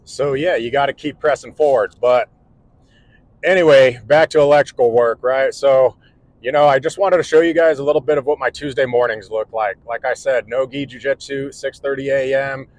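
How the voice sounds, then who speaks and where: A man's voice: medium pitch, fairly even intonation, moderate pace, no room sound, low-quality recording. A man in his forties, an electrical contractor talking casually to camera at home, earnest and rambling with many restarts. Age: 40s. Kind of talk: casual vlog monologue. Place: indoors at home.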